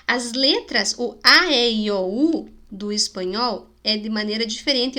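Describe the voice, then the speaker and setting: A woman's voice: on the high side, a bit bright. A woman with a Spanish-speaking accent teaching a video lesson to schoolchildren, patiently explaining and sounding out example words. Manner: explains patiently, checks in with "né?" and "tá bom?".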